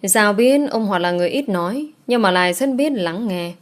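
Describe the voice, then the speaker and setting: A woman narrating a romance novel aloud in a steady storytelling manner. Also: medium pitch, normal speed.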